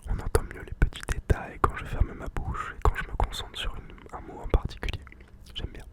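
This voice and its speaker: Close-up and hushed, a man making ASMR content slowly says foreign words back, mixing in laid-back slang.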